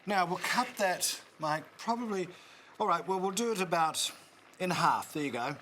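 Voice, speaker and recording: A man's voice: high voice, expressive, normal speed, sharp tone, slight background noise. A man with a New Zealand accent demonstrating a recipe on a cooking show, chatty and instructive with joking asides.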